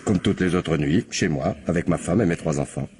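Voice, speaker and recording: In a French radio crime drama, an actor voices an aloof, sardonic film assistant being questioned, guarded and dryly contemptuous as he recalls things hesitantly. His male voice is deep, dark and husky, and he talks a little fast.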